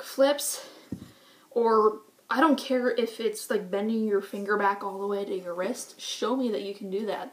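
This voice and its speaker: Goofy young vlogger girl w/ a thick new hampshire accent, kinda high voice, lotsa likes and ums. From New England. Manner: bubbly and goofy, full of "like" and "um". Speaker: YouTube vlogger. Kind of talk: casual list vlog.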